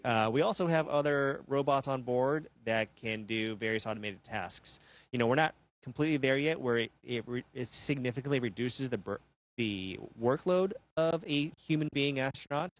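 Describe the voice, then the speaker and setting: A man speaking as an astronaut, giving measured, explanatory answers in a live question-and-answer downlink from a space station. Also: medium pitch, poor audio.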